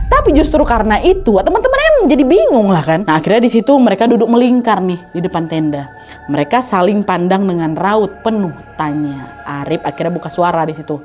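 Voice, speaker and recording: Animated woman telling a horror story. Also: on the high side, brisk, faint music behind. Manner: lively, animated, acts out the characters' panicked shouts. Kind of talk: casual horror storytelling while cooking.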